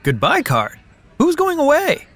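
A woman's voice: sits high, wildly swooping pitch, takes it slowly, a bit bright, dry recording, faint music behind, heavily acted. A woman doing an easygoing young man. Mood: friendly. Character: friendly young man, a coworker. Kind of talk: scripted lesson dialogue.

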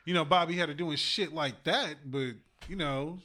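A man with a somewhat high voice co-hosts a casual radio talk show. He jokes and riffs in loose, streetwise banter. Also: moderate pace, pushed and bright. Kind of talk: casual chat.

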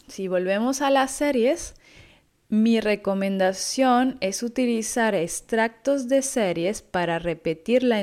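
A woman giving an online Spanish lesson in a clear, patient, instructive way. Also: medium pitch, a little mellow. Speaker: Spanish teacher.

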